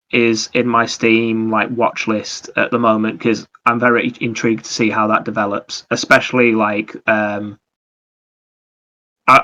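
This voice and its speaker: A man with a bright, forceful, mid-range voice chats casually about video games as a podcast host, rambling as he explains things. The microphone sounds dull and lo-fi.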